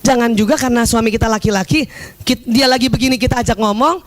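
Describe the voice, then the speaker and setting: A woman's voice: a little high, fast. A woman giving an Islamic lecture on family life to an audience of women, speaking to them directly with humor and acting out small dialogues. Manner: humorous, acts out little dialogues; addresses audience directly as 'Bu'.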